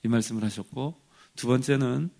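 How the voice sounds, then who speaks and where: A man's voice: medium pitch, a little fast, creaky, dark tone. A male pastor preaching a dawn sermon in a conversational way, acting out the quoted complaints with a rise in voice.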